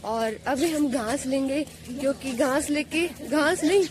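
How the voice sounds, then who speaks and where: A woman's voice: high voice, a little slow, a little hiss or hum. A young woman from Rajasthan, India, chatting and teasing as she vlogs a village festival morning on her phone. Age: young adult. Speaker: vlogger. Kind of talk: casual vlog commentary. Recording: phone video with loud music and crowd.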